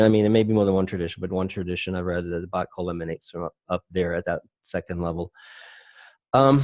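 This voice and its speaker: A man's voice: sits low, darkish tone, no echo. A man giving an online presentation lecture, rambling with many fillers and restarts. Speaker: teacher.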